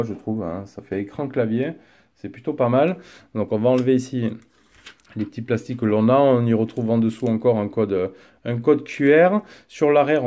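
A man casually reviewing a gadget as he unboxes it, chatty and relaxed, with frequent fillers. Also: on the low side. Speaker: tech reviewer. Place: indoor desk setup.

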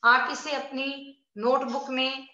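A woman teacher giving an online class, going through exercise answers slowly and clearly for her pupils. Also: high voice, flat delivery, pushed and bright. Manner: slow, deliberate, repeating answers clearly for pupils. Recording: echoey, dull lo-fi room recording.

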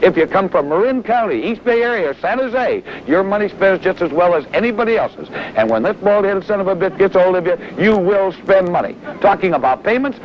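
A middle-aged American man delivering an emphatic, foul-mouthed sales pitch in the style of a 1960s television car commercial. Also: expressive, fairly quick, hardly any pauses. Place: car lot among parked cars. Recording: dull, noisy 1960s TV tape.

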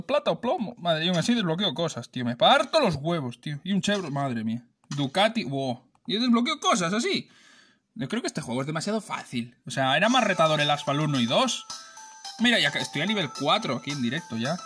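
Excitable, foul-mouthed Spanish gamer man. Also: a little high, husky. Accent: Spain Spanish. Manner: excitable, profane, joking trash talk at rivals. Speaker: gaming channel host. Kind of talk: let's play commentary. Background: racing game music and sounds.

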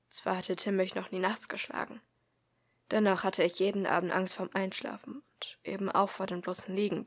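Woman, audiobook reader, soft half-whispered narration, husky, mid pitch. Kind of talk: reading a fan fiction audiobook.

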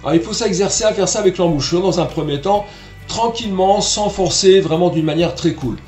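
Patient French trumpet teacher, echoey room. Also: male voice, high-pitched, fairly quick, darkish tone, soft background music. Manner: patient, explanatory, demonstrates syllables aloud. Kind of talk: online music lesson.

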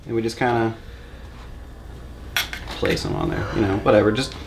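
A man's voice: lowish voice, steady tone, normal speed, creaky. A man in his thirties hosting a casual cooking demonstration in a tipsy, rambling way, swearing freely. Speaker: cooking video host. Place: home kitchen, indoors. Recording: noisy kitchen with dish clatter.

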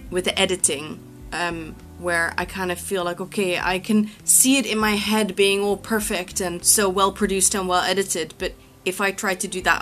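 Woman, 30s, vlogging artist; lowish, bright voice, musing and self-deprecating. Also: slight background noise. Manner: reflective and self-deprecating, thinking aloud. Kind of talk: casual vlog chat.

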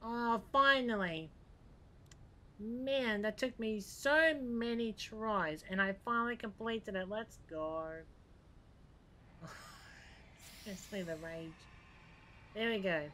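A woman hosting a let's play, giving excitable gameplay commentary with frustrated outbursts and laughter. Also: mid-range voice, slow pace, pauses often. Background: faint game music.

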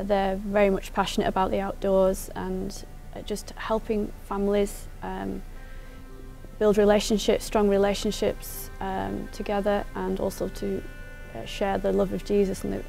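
A woman's voice: medium pitch, monotone, moderate pace, vocal fry, warm tone, soft background music. A woman from a church, speaking hesitantly in an interview in a church hall. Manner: hesitant, with fillers. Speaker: church member. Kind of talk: documentary interview.

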